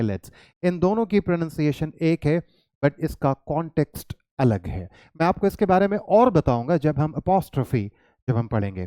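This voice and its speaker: A man's voice: fairly high pitch, mellow, clear, resonant tone, no room sound, clean studio sound. An Indian man teaching an English lesson, mixing Hindi and English and quizzing his students with coaxing questions. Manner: coaxing, questions to students, calls them "child".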